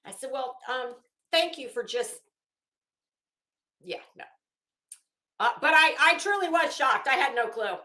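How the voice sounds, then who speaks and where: Her high-pitched voice is animated yet a little slow, with long pauses, and it sounds pushed and bright. As a livestream host, she chats gossipily with live viewers, chuckling and making coy asides. An echoey room surrounds her voice.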